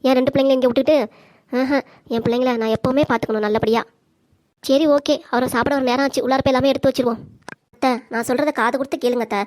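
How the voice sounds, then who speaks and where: திருநெல்வேலி வட்டார வழக்கில், வருத்தத்துடன் கெஞ்சியும் தன்னைக் காத்துக்கொண்டும் பேசும் இளம் மருமகளாக ஒரு பெண் குரல் கொடுக்கும் cartoon. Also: female voice, high-pitched, fairly even intonation, quick pace, darkish tone, lightly acted. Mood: worried. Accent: Tirunelveli Tamil. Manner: pleading, emotional. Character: young wife, pleading and hurt daughter-in-law. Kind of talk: cartoon comedy voice acting.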